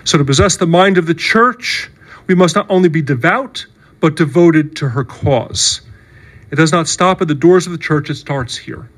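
A priest delivers a sermon in an earnest, conversational manner. His speaking voice sits a little higher than most men's, and he keeps asking "right?" as he goes along. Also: normal speed, a bit bright. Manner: earnest, conversational preaching with frequent "right?" and "okay". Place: church.

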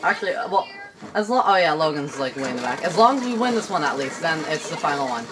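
A man giving casual, excitable play-by-play as he plays a video game, rambling and laughing often. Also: on the high side, quick pace, noisy background. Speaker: gaming channel host. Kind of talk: casual gameplay commentary. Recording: game music playing under the voice. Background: video game music.

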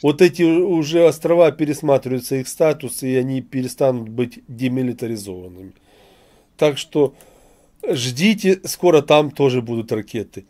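A man's voice: mid-range voice, moderate pace, warm tone. A middle-aged man from Donetsk in Ukraine hosting an argumentative chat, speaking bluntly and mockingly. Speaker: live video chat host. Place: small room at home.

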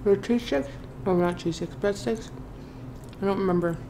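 A woman's voice: mid-range voice, moderate pace, warm tone, a little hiss or hum. A woman vlogger chatting casually while chewing her food, rambling and trailing off with fillers. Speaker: mukbang vlogger. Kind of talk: casual chat while eating.

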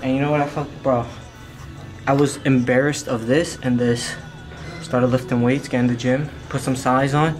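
A young man talking casually and bluntly to a handheld camera in a gym, swearing and boasting, with loud music playing behind him. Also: mid-range voice, level tone, moderate pace, low-quality recording. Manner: brash, swearing, joking bravado. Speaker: fitness vlogger. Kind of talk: casual gym vlog chat. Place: commercial gym, indoors. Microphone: handheld camera mic.

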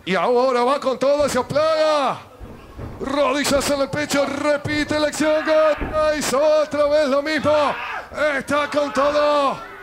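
Argentine man, wrestling play-by-play commentator. Very high, excited delivery with emphatic repetition, over a noisy live arena. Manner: emphatic, repeats phrases, drawn-out exclamations at big moves. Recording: loud crowd and arena noise. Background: wrestling crowd in small indoor arena.

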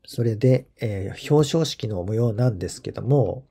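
A man hosting his own golf commentary channel, chatting casually, laughing often and trailing off into low murmured asides. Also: moderate pace, creaky, dark tone, slightly rough.

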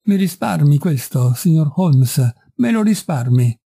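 A man's voice: on the high side, expressive, a little slow, creaky, warm tone, slightly rough, heavily acted. A man voicing a distraught young noblewoman who pleads and confesses in an audiobook reading. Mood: pleading. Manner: imploring, breathless pleading.

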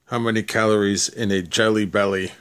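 A woman's voice: very deep voice, fairly even intonation, a little fast. A woman talking casually and teasingly, quizzing a voice assistant from behind a handheld camera in a small room. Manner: teasing, playful. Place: small cluttered room, indoors. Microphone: handheld camera or phone, speaker behind it.

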